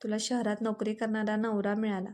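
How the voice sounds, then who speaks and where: A woman voicing a spoiled, sharp-tongued young wife in a storybook reading, snappy and complaining. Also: mid-range voice, completely flat delivery, a little fast, close to an everyday voice. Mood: sulky.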